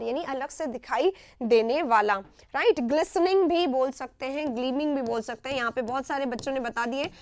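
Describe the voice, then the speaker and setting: High-voiced Indian woman teaching vocabulary. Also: no room sound. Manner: explains words in repeated short phrases, asks "right?". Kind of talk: live online class.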